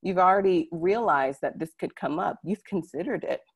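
Addressing her listeners directly in a relaxed, conversational online presentation, a woman conference presenter speaks with a fairly low, slightly rough voice at a moderate pace. She's recorded on a computer mic over a video call.

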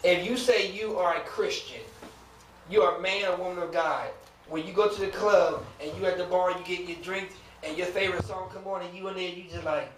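A male preacher with a high, steady voice delivers an emphatic, brisk sermon in a church sanctuary, posing rhetorical questions with humor and chatting casually with the congregation. The mic is at a distance in an echoey room, with slight background noise.

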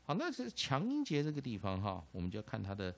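A man with a Taiwanese Mandarin accent explains English phonics in a classroom-style lecture. His voice sits low but swings widely in pitch. He keeps repeating terms and punctuates almost every phrase with "ah" or "ha". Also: fast talker, gravelly. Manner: lively, peppers phrases with 'ah' and 'ha', repeats terms. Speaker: English teacher.

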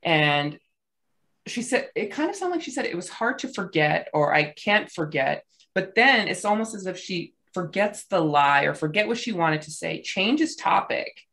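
A woman's voice: fairly low pitch, lively intonation, normal speed, gravelly, a bit bright. A woman panelist casually analyzing a clip on a video call, chatty and acting out the quotes she describes. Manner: chatty, laughing, acts out quotes. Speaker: body language panelist.

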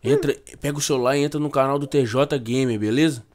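Fast-talking man in slangy banter. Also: medium pitch, fairly even intonation, darkish tone. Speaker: gamer host. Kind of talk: game roleplay voice chat.

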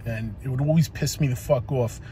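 Talking briskly in a dark, mid-range voice, a forty-something police officer records a rambling motivational chat from his parked car. The phone on his dashboard catches a little hiss or hum, plus plenty of ums, likes, and casual swearing.

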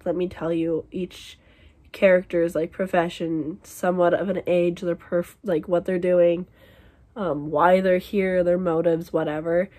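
A fairly low, slightly mellow female voice belongs to a woman in her twenties doing a casual vlog and book chat in her small bedroom. She rambles with many fillers, and her voice sounds tired and losing strength.

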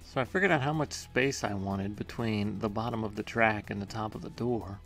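Male maker, low-pitched gravelly voice, relaxed matter-of-fact voice-over of a metal and wood build, faint music underneath. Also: moderate pace. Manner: plain, matter-of-fact explaining with small hesitations. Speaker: home workshop maker. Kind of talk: casual voice-over narration of a build.

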